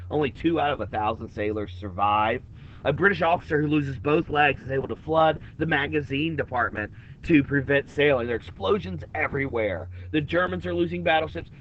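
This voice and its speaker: A man's voice: medium pitch, lo-fi sound. A man teaching a history lesson in a conversational lecture style, speaking straight to his students. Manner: conversational, addresses students directly. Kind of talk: classroom lecture.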